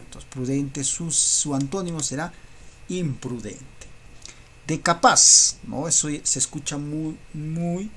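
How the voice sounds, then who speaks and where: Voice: mid-range voice, slight background noise. A teacher giving a recorded school lesson, explaining step by step and checking in with rhetorical tag questions.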